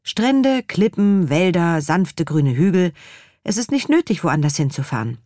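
A woman's voice: lowish voice, very animated, measured pace, dark tone, dry recording, studio quality. A woman doing an eager, shy young woman.

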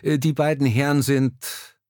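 A man's voice: medium pitch, flat delivery, a little slow, darkish tone, no echo, studio quality, pitched above the performer's own voice, natural voice. A man reading aloud, voicing a jovial, persuasive male magazine editor who talks in a hearty, breezy way.

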